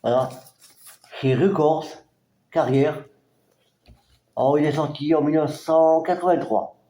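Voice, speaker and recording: A man from France casually presenting his record collection, halting and hesitant, with many fillers. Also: a little high, mellow, reverberant. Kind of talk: casual collection show-and-tell.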